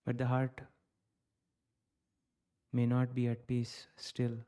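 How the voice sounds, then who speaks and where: A man from India, guiding a reflective contemplation in slow, short phrases with long pauses. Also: mid-range voice, monotone, dark tone, smooth. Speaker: contemplation guide. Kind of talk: guided contemplation.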